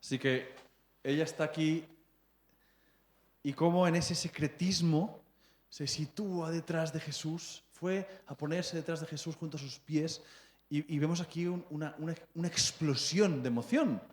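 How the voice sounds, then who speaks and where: A man's voice: a little high, normal speed. A man in his thirties with a Spanish accent preaching a sermon, chatty and prone to repeating words as he checks in with the congregation. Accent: Spain. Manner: conversational, often checks in with the congregation; stumbles and repeats words while searching for phrasing. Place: church hall. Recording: echoey church hall.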